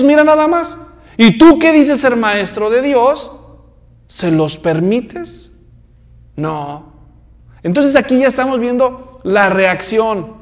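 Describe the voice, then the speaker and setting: A man's voice: high-pitched, in a large hall. A man preaching a sermon, telling the story vividly and putting questions to the congregation. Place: church.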